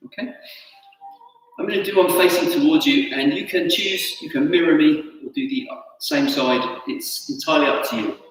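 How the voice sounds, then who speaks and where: Echoey, higher-voiced man giving calm tai chi cues. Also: normal speed. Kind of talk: instructional movement cues. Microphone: camera at a distance. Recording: very echoey hall, distant mic, faint music.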